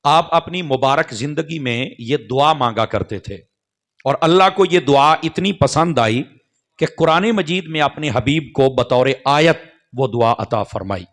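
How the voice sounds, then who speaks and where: A man delivers a sermon in a mosque, speaking directly to the congregation and often checking that they're following along. His voice is medium-pitched, expressive, and unhurried, with a fairly bright tone.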